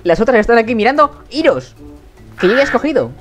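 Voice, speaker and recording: A young man with a Spain Spanish accent, doing excitable game commentary and shouting at animals in the game. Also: very high voice, fast, highs cut off, faint music behind. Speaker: gaming youtuber.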